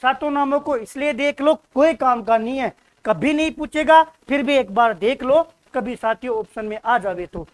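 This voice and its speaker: A man's voice: very high voice, normal speed. A young man teaching an exam-prep lesson in an informal, direct, exhorting way, often repeating his points. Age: young adult. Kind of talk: informal classroom lecture.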